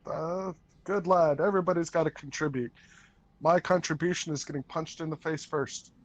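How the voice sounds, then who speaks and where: A man's voice: fairly high pitch, fairly even intonation, moderate pace. A man talking casually as a player in a tabletop role-playing game.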